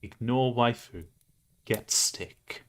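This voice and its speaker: A man's voice: mid-range voice, takes it slowly, a little hiss or hum. A man streaming a game, reading the story aloud with playful, laughing asides.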